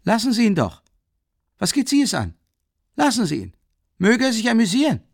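A man's voice: on the low side, normal speed, creaky, darkish tone, dry recording, studio quality. A man voicing a tormented young student. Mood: agitated shouting. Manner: shifts between outbursts and bitter brooding. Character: agitated brooding young male student. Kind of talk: audiobook character voice.

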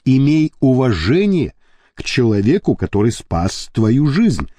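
Brief: male narrator as a wry, mocking henchman in an audiobook, lecturing, mellow voice, dry recording. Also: mid-range voice, big pitch swings, measured pace, no echo. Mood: placating. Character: sardonic reasoning male henchman.

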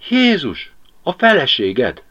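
A man's voice: medium pitch, very animated, voice pushed up, close to an everyday voice. A man voicing an anxious, wistful young village woman in a lo-fi audiobook reading.

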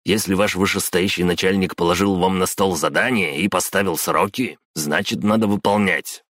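A man reading a story, voicing a rude, hot-tempered male office boss who talks harshly and shouts. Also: deep voice, steady tone, normal speed, no echo, clean studio sound, pitched above the performer's own voice.

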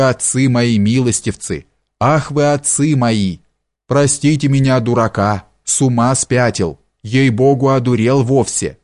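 A man's voice: medium pitch, no echo, studio quality, close to an everyday voice. A man voicing a tipsy, fawning old male village steward who gushes in a sing-song way. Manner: sing-song, gushing, servile.

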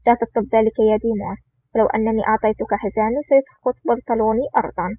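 A reader speaks as a cool, sardonic male agent who mocks with calm ease. The delivery is quick, and the audiobook recording sounds dull and lo-fi with a faint hiss. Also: mid-range voice, natural voice. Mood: calm mocking. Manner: mocking, calm. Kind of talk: audiobook reading.

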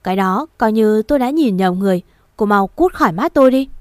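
A woman's voice: medium pitch, expressive, a little fast, dry recording, studio quality, close to an everyday voice. A woman reading a story aloud, voicing an angry wealthy grandmother who scolds and hurls insults. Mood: contemptuous. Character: scornful wealthy old grandmother, furious and contemptuous.

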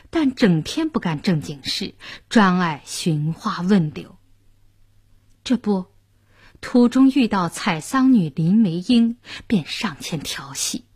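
A woman narrates a traditional tale in an expressive, rhythmic storytelling style. Her voice is husky and unhurried. The recording is dry and close. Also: medium pitch, no room sound.

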